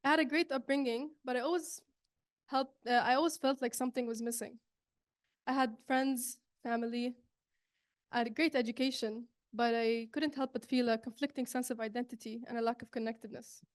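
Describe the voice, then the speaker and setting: A young woman from Saudi Arabia delivers an earnest student presentation in a fairly high voice. She talks with frequent fillers and restarts. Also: steady tone, brisk. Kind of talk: presentation talk.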